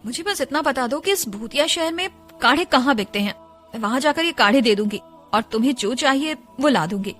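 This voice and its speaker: A woman gives voice to a young heroine in an audio drama who has no patience for haggling. She speaks curtly and firmly in a high voice, with soft music faintly behind. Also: lively intonation, brisk. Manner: curt, firm and impatient. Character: impatient young woman heroine, curt and firm.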